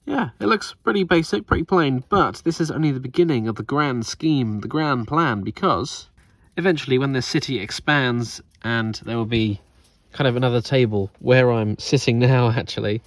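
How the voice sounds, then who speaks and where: A man's voice: medium pitch, moderate pace, no room sound. A man narrating his Lego building in a chatty, upbeat way, thinking aloud as he goes. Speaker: Lego builder and channel host. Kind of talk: casual narration over build footage.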